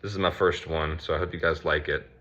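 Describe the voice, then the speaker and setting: A man with a very low voice and a bright, forceful edge talks to camera about his writing. He rambles earnestly and corrects himself mid-sentence, sounding slightly out of breath. The recording is dull and lo-fi. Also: steady tone, quick pace. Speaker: writer and vlogger. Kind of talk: casual talk to camera.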